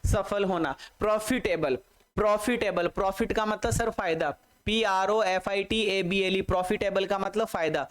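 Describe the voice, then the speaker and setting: A man with a high, clear, smooth voice teaches a vocabulary lesson. He spells each word out slowly, letter by letter, and addresses his students fondly as "beta". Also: a bit bright, poor audio. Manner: spells words out letter by letter, slow and drawn out, calls students "beta".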